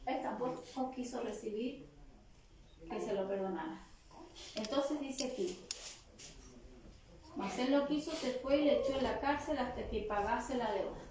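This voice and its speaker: A woman's voice: fairly high pitch, measured pace, pauses often, a little mellow, slight background noise. A woman with a Chilean Spanish accent giving an interactive sermon at a church retreat, asking the audience questions and leading call-and-response. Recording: echoey hall picked up from far off.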